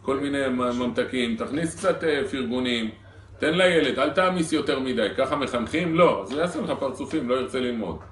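A man's voice: mid-range voice, a little hiss or hum. Guy rabbi teaching a class, keeps asking the crowd stuff, roomy echo, mic far off. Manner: lively teaching, rhetorical questions to the audience. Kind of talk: Torah lesson to a congregation. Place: synagogue hall. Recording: echoey hall recorded from a distance.

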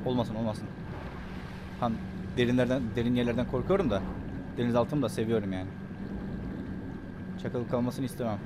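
A man doing jokey let's play commentary, pretending to be scared and swinging between hushed muttering and shrieks, with a Turkish accent. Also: medium pitch, fairly even intonation, normal speed, long pauses, very noisy. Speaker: gaming YouTuber.

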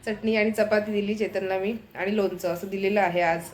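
A woman's voice: medium pitch, steady tone, normal speed, a little hiss or hum. Chatty young woman vlogging at home. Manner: chatty, keeps pointing things out to viewers. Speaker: family vlogger. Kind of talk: casual home vlog narration. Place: small home indoors.

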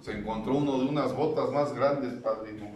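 A man's voice: brisk, heavy background noise. Profane Mexican man preaching in an echoey hall. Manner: mimics whiny voices in a high pitch. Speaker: speaker at a recovery group meeting. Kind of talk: crude, comic testimony. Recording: echoey room, mic at a distance.

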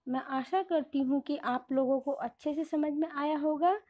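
A woman's voice: sits high, steady tone, moderate pace, lo-fi sound. A woman teaching a primary school class online, explaining patiently and often addressing the children directly.

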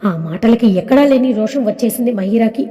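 Brief: woman storyteller, higher pitch, very mellow dark tone, long reverb. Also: brisk. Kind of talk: scripted story narration. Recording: echoey reverb.

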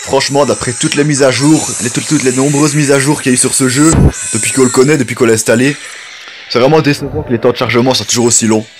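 Chatty gaming host. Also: male voice, mid-range voice, steady tone, fast, music in the background. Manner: rambling, chatty, frequent restarts. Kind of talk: casual gameplay commentary.

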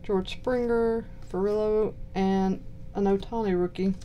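A woman with a Southern US accent giving low-key, mumbled casual commentary while unboxing cards. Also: steady tone, measured pace, highs cut off, slight background noise. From southern United States. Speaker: card box-break host. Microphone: purchased microphone.

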